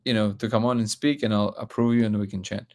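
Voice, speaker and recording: A man's voice: lowish voice, steady tone, fast. A man from Russia hosting a live stream, reading comments aloud and talking bluntly with frequent restarts.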